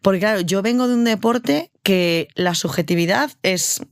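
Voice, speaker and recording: A woman's voice: medium pitch, moderate pace, no echo. Chatty woman guest. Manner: chatty, full of fillers like "tal". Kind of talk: casual podcast chat.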